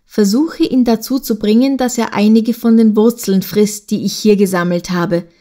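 A woman's voice: mid-range voice, fairly even intonation, normal speed, dark tone, close to an everyday voice. A woman voicing a jealous, scheming wild goose sister who speaks in a sly, insinuating way.

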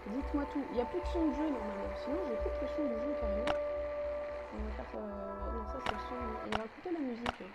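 A high-pitched woman chats casually as she streams a game live, greeting viewers and filling gaps with hesitant pauses. Loud music plays underneath her voice. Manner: chatty, many fillers, greets chat viewers by name.

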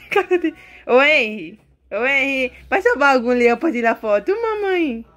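A woman's voice: sits high, expressive, measured pace, fairly bright tone. A young woman, a mother filming a casual home vlog in a bedroom, cooing baby talk to her son and chatting to viewers with frequent laughs. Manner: laughs often while talking. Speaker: mother vlogging her baby's month birthday.

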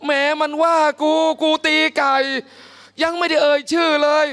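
Man playing a loud, aggrieved male congregant. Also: very high voice, little pitch movement, normal speed, pitched above the performer's own voice. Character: indignant male congregant grumbling at the imam. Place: mosque hall. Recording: long hall reverb.

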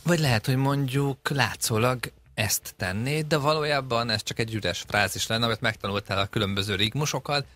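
Bright-voiced man tossing in counterpoints. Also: medium pitch, hardly any pauses. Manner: adds realistic counterpoints, builds examples. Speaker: radio show co-host. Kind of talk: comedic casual chat.

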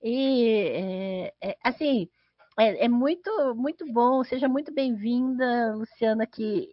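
Dry-sounding Brazilian woman, slightly high voice. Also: slow, dry recording. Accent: Brazilian Portuguese. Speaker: host of a podcast livestream. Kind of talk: casual live chat. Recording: dull, dry lo-fi stream audio.

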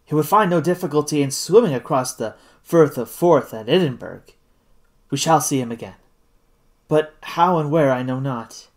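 A reader voicing a male sportsman and hunter, speaking in a measured, grave way. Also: medium pitch, lively intonation, close to an everyday voice.

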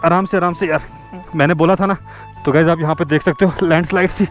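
A man's voice: a little high, fairly even intonation, quick pace, faint music behind. A young man hosting a motorcycle vlog, chatting casually outdoors on a cold mountain road and keeps calling out to his viewers. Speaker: motovlogger host.

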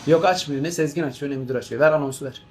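A man's voice: a little high, rapid-fire, a little hiss or hum, voice pushed down, lightly acted. A man playing an exasperated male airline captain who grumbles, rants and swears between cabin announcements. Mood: ranting. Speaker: comedian doing a character. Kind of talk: comic monologue sketch.

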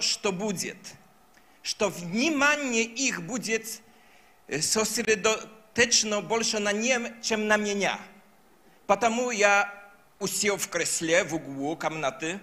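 A man in his fifties with a Polish accent, a native Polish speaker, preaching through personal stories in halting, imperfect speech on a handheld microphone. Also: high voice, sharp tone. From Poland. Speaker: guest preacher. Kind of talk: sermon with personal storytelling. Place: stage in a church hall.

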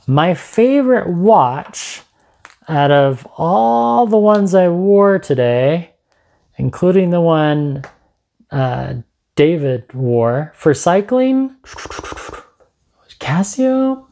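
A man in his forties talks like a casual vlogger going through a product review at home. His tone is mellow and unforced, and he thinks aloud as he goes in a chatty, unscripted way. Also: fairly high pitch, sing-song, slow pace, vocal fry. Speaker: vlogger reviewing fitness gadgets. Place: small home room, indoors.

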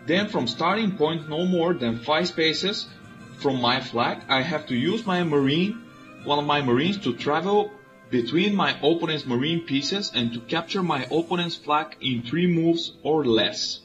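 A man from Bulgaria, a native Bulgarian speaker, calmly and methodically explaining his moves in a strategy board game. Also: fairly high pitch, unhurried, highs cut off, faint music behind. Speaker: player. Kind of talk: let's play commentary.

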